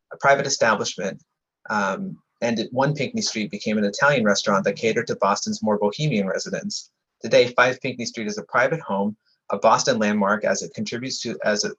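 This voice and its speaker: A man's voice: lowish voice, a bit bright, breathy edge. A man giving a history lecture, reading from prepared text and often correcting himself, at times talking over sirens. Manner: reads prepared text with frequent stumbles and self-corrections. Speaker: lecturer presenting a book on historic buildings. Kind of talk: slide-illustrated history lecture. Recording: slightly dull, muffled audio with passing sirens.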